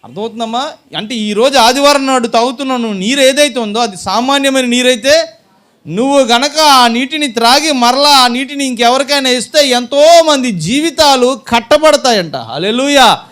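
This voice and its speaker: A pastor delivers a sermon to his congregation in a strikingly high voice. He leads it with questions he answers himself. He acts out small scenes with a listener to make his point. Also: normal speed, a bit bright. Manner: fires rhetorical questions at the congregation and answers them. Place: church service.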